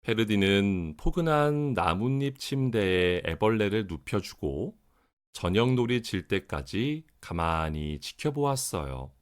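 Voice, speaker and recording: A man reads a children's story as its narrator. The delivery is slow and expressive, with wide pitch movement and very deliberate, over-enunciated articulation. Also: clean tone.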